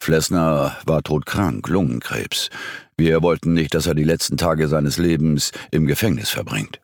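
A man voicing a gruff, grumbling police chief in an audiobook. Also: very deep voice, measured pace, no echo, studio quality, heavily acted.

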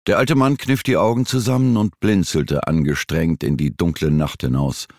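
A male audiobook narrator reads a suspense story in a measured, tension-building way. His voice is very low and gravelly. The sound is dry and close, with no room echo. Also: steady tone, a little mellow. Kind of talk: scripted narration.

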